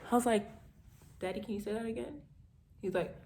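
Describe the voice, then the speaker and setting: Woman, 20s, vlogger, casual storytelling, lively, mid pitch. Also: fairly quick, roomy sound, a little hiss or hum. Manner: animated, laughing, acting out her dad's lines.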